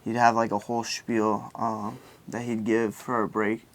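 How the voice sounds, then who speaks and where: A young adult man, a college football player, talking casually and a little haltingly about a teammate. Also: on the low side, level tone. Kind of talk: casual interview comment.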